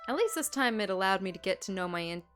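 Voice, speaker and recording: A woman's voice: mid-range voice, lively intonation, fast talker, fairly bright tone, faint music behind. A woman gaming streamer reading a story game aloud, tripping over long words and laughing at herself. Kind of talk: reading a visual novel aloud with asides.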